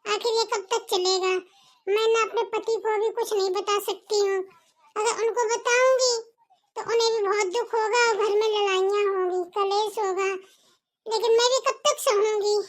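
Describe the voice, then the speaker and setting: A woman's voice: extremely high pitch, steady tone, normal speed. A woman voicing a timid, mistreated young daughter-in-law in a home-made family drama, pleading and complaining.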